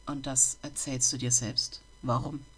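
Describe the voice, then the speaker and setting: Woman putting on a gruff old bookseller. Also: a bass voice, little pitch movement, measured pace, a bit bright, pitched below the performer's own voice, full character voice. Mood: gruff, probing. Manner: gruff, interrogating, disapproving.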